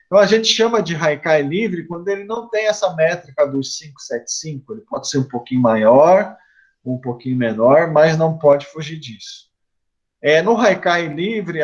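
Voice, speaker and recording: A man's voice: fairly high pitch, muffled recording. Man patiently teaching a haiku class. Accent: Curitiba, Brazilian Portuguese. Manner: patient and explanatory, lists terms with frequent "né?". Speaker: haiku poet, guest teacher.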